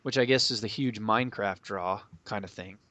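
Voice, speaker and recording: A man's voice: lowish voice, moderate pace, bright, forceful tone. A man co-hosting a casual podcast, blunt and swearing, often laughing. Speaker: podcast co-host. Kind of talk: casual chat.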